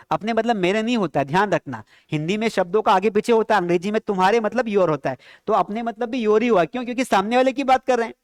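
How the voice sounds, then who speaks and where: During a live-streamed spoken English class, a high-voiced man drills sentences and keeps putting questions to his students. He slows down whenever he spells out English phrases. The sound is clean studio audio with no room sound.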